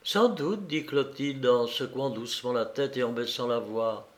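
A man narrating a classic novel in a measured, unhurried reading. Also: mid-range voice, fairly even intonation. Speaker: audiobook narrator.

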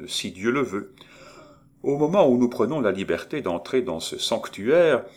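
A man narrating a classic novel in a measured, expressive reading. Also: on the low side.

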